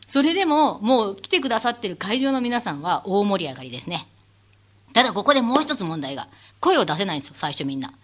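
A woman hosting her own talk show, chatting alone and acting out what people said with big jumps in her voice, laughing often. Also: quick pace. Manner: animated storyteller who acts out quotes with big pitch leaps; laughs often while talking. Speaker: radio show host; stage manager. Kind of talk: casual solo talk-show monologue.

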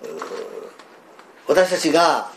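An older man with a Kansai accent, preaching a sermon in a folksy, animated way, full of fillers and asides. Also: fairly high pitch, slow, a little hiss or hum. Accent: Kansai (Osaka dialect). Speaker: pastor.

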